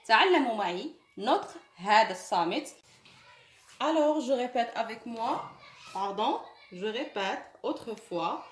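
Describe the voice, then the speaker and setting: Echoey, slow-spoken woman teaching French. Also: on the high side. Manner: slow, drawn-out French, quick Arabic explanations; repeats words and asks "d'accord?" often. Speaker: French teacher for young pupils. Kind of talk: bilingual lesson at a whiteboard. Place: room with a whiteboard. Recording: echoey room.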